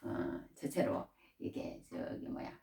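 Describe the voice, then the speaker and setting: A woman's voice: slow pace, dark tone, far from the mic. A middle-aged woman preaching a sermon in a conversational way, raising her voice when she acts out scripture. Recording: roomy sound from away from the mic.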